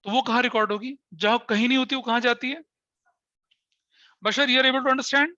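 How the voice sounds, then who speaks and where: A man's voice: very high voice, steady tone, normal speed, sharp tone, dry recording, highs cut off. A man teaching an accounting class, mixing Hindi with English, asking questions and repeating key terms to check that his students follow.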